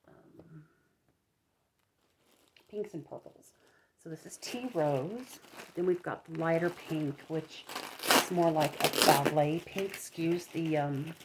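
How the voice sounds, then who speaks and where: A woman's voice: low-pitched, darkish tone. A woman vlogger talking casually to viewers through an unboxing, rambling and musing aloud and often trailing off. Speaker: yarn craft vlogger, host.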